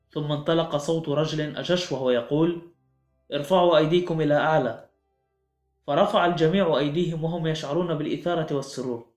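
A man reads a mystery audiobook with dramatic, suspenseful delivery. His voice sits a little high for a man. A roomy echo and faint background music run under the narration. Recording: echoey room with faint music.

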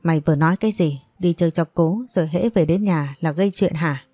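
A woman's voice: deep voice, fairly quick, warm tone, no room sound, faint music behind. A woman doing a harsh, scheming middle-aged mother. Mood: scolding.

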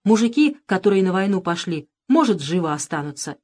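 A woman reading an audiobook and voicing a gentle, grieving old village grandmother who speaks softly in plain folk speech. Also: lowish voice, big pitch swings, brisk. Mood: tender, sorrowful. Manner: soft, tender folk speech.

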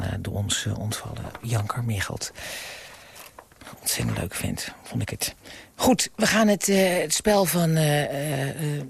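A man hosting a late-night radio show, chatty and hesitant with many pauses, in a studio. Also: mid-range voice, gravelly, breathy edge, no echo. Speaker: radio host.

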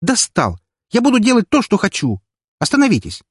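A man voicing an upset young woman who pleads and shouts through tears. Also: a little high, animated, fast, no room sound, clean studio sound, pitched above the performer's own voice. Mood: angry shouting.

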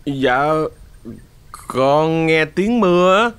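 Brief: man as shy young lad, hesitant, slow, a bit high. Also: big pitch swings, pushed and bright, clean tone, full character voice. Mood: nervous. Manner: hesitant, stammering. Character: timid young village man, nervous and polite.

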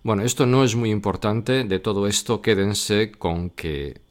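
A man's voice: lowish voice, unhurried. A man teaching French pronunciation in Spanish, explaining step by step and reading example words aloud with emphasis. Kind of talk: spoken pronunciation lesson.

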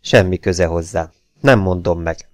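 A man's voice: sits low, no echo, clean studio sound, close to an everyday voice. A man reading an audiobook, voicing an older male butler who answers nervously and evasively. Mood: stubborn. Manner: trembling, evasive, stubborn.

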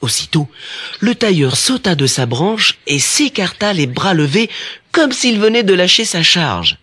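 A man narrating a children's fairy tale in an expressive, animated way. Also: high-pitched, unhurried, breathy edge. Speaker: storyteller. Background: music.

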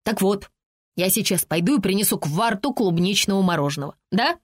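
A woman voicing a blustering, domineering middle-aged man who talks loudly and emphatically in an audiobook. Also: mid-range voice, lively intonation, fairly quick, no room sound, studio quality, close to an everyday voice. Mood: expansive. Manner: loud, emphatic, tag questions.

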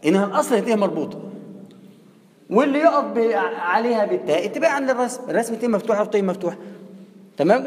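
An Egyptian man teaches Quran recitation at a brisk, fast clip. His voice sits high and rings with a long hall reverb. He keeps turning to his listeners with rhetorical questions. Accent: Egyptian Arabic. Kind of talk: explanatory religious lesson.

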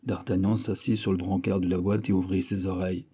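A man narrates a classic novel in a measured, steady way. His voice is low and very dark, with a husky edge. The reading is even and unhurried. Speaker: audiobook reader.

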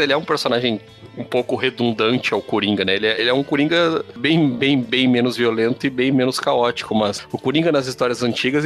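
A man co-hosting a casual comics podcast, animated and quick to laugh, tagging his points with little questions. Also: fairly low pitch. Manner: animated, laughs easily, lots of "né?". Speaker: podcast co-host.

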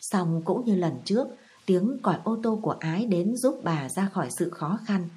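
A woman narrating a novel as an audiobook in a calm, even storytelling manner. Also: medium pitch, moderate pace.

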